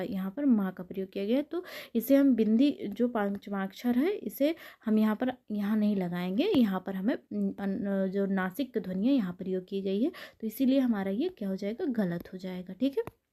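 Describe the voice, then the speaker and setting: A woman teaching a spelling lesson for exam preparation, with frequent repetitions and quick self-corrections. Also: mid-range voice, mellow. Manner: repeats words, frequent "ठीक है" and self-corrections.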